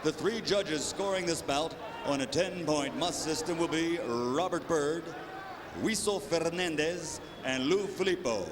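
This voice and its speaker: A man announcing a boxing match in a big ceremonial lucha libre style, drawing out and shouting titles and names over an arena sound system. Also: a little high. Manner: drawn-out shouted build-ups on titles and names. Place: large indoor arena over public address. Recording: loud crowd noise in a sports arena.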